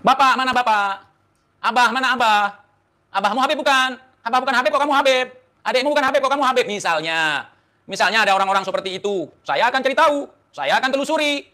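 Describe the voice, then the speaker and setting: A man's voice: very high-pitched, animated, quick pace, bright, forceful tone. A man hosting an online talk show, delivering a defiant, taunting monologue to the camera full of rhetorical questions. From Indonesia.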